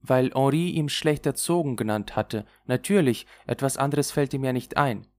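A woman's voice: very deep voice, normal speed, a little mellow, voice pushed up. A reader voicing Loulou, a flighty and impulsive young woman who chatters in a gossipy way, in an audiobook. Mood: chattering. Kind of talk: audiobook character voice.

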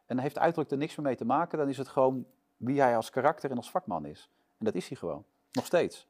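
A man being interviewed, telling a long anecdote in a lively way and acting out the shouts and lines of the people in it. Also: medium pitch, fast talker. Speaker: interview guest, sports presenter.

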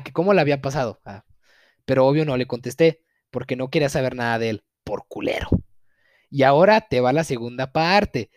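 Speaking at a medium pitch, a young Mexican-accented man relays a story sent in by a viewer. He's laid-back and profane, feigning outrage and laughing frequently, in a clean studio recording without echo.

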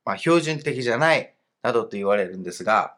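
A man's voice: medium pitch, lively intonation, fast, fairly bright tone. A man teaching a grammar lesson online in a patient, explanatory way. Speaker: language teacher.

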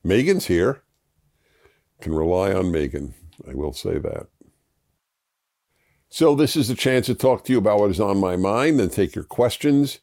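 A man hosts a relaxed chat straight to his audience. His pitch swoops around animatedly as he talks. He keeps restarting and repeating words as he wanders off on asides. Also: a little slow, pauses often. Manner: laughs at himself while explaining. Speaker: host. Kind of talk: casual chat with viewers.

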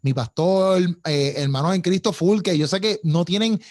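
A man's voice: sits high, normal speed, a little mellow. A man in casual chat, eager and emphatic, often repeating himself. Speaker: conversation partner.

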